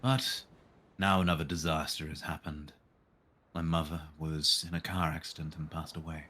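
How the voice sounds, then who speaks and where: A bass-voiced man keeps a level tone at normal speed, his delivery pushed and bright. He reads a visual novel aloud live on stream, dropping casual, irreverent jokes delivered dryly.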